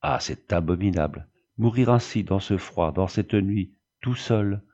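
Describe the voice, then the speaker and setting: A man voicing a kind, devout young country pastor who speaks earnestly and gently. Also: low-pitched, a little slow, dull audio. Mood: grave.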